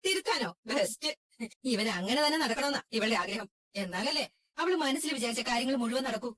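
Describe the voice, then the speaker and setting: A sharp-tongued mother, voiced by a woman in a dubbed drama, full of sarcasm. Her voice sits somewhat high and she speaks briskly. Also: animated. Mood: mocking. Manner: sarcastic, mocking. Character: sharp-tongued middle-aged mother, mocking.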